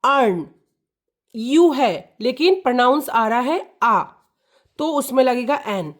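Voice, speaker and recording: A woman's voice: high-pitched, animated, slow pace. A woman teaching an English lesson to children, often repeating key words and checking that they understand.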